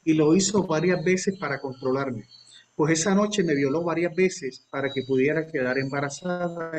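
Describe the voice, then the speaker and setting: Guy talking on a laggy breaking-up video call, kinda high voice, hesitant, lots of ums and restarts. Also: normal speed, poor audio. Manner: hesitant, many fillers and restarts. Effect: choppy, breaking-up video call connection. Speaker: researcher guest. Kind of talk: live panel discussion. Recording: faint noise on a choppy call line.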